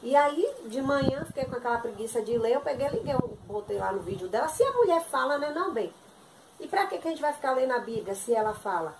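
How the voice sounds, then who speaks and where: A woman's voice: sits high, sing-song, quick pace. A woman playing a naive pregnant young wife who pleads and complains to her husband on the phone in a comedy skit. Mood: pleading. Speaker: comedy vlogger. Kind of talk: one-sided phone call comedy skit. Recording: noisy home recording.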